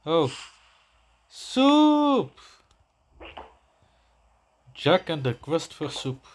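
A goofy young man giving let's-play commentary in a voice on the higher side. He drawls his words out slowly, and clicks sit faintly behind him. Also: a little hiss or hum. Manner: silly, goofy, talks about himself in the third person. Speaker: gameplay commentator.

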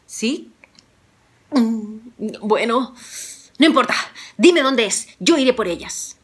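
A woman's voice: fairly high pitch, lively intonation, slow, breathy edge, heavily acted. A woman doing a bold, cheerful young hero. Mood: reassuring. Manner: bold and reassuring.

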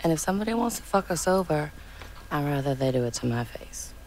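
A woman's voice: low voice, animated, fast talker, a little mellow, a little hiss or hum. An actress playing a cool, blunt young female hacker in a video game, speaking in a sardonic way.

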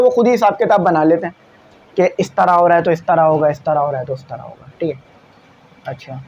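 High-voiced man teaching physics. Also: lo-fi sound, a little hiss or hum. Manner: explains with everyday examples, keeps checking understanding; reads English textbook lines slowly and deliberately. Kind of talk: classroom lecture on video.

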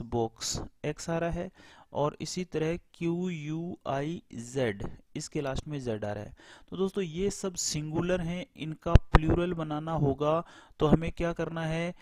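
A man's voice: fairly high pitch, a little mellow, no echo. A man teaching a grammar lesson in a patient explanatory style, spelling words letter by letter and asking and answering his own questions.

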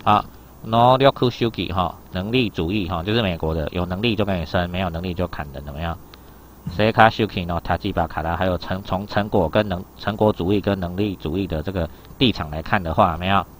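Fast-talking low-voiced man teaching. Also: a little hiss or hum. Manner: keeps asking students if they follow; explains in a loose conversational way. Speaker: Japanese teacher. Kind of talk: exam reading lesson.

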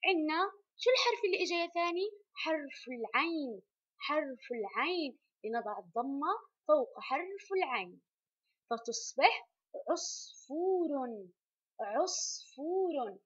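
A woman teacher, giving a children's reading lesson and stretching out each word slowly and clearly. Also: high voice, animated, fairly bright tone. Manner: slow, emphatic spelling-out of words. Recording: dull lo-fi recording.

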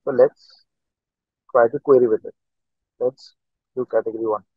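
Through a screen recording of a video-call class, a male instructor walks students through every step at a normal speed, repeating "okay" over and over. His mid-range voice is husky with fairly even intonation, and the computer mic gives a dry, tinny sound.

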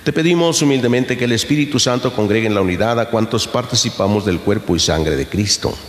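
A middle-aged man, a priest, reciting the Mass at the altar in a slow, measured, solemn way. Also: lowish voice. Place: church sanctuary, behind the altar. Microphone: fixed camera from across the altar. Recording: echoey church with long reverb.

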